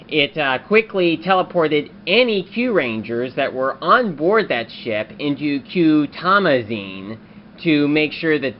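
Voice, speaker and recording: A man talking through a toy review in a casual, rambling way, often pausing on fillers. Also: medium pitch, muffled recording, slight background noise. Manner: rambling, frequent filler pauses.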